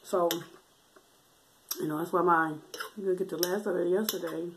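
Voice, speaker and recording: Female American vlogger, slightly low voice, folksy casual chat between bites, noisy room with clinking cutlery. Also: fairly even intonation, moderate pace. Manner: folksy, informal, chatty. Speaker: mukbang vlogger. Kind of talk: casual chat to viewers while eating. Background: clear noise, clicks, cutlery and dishes.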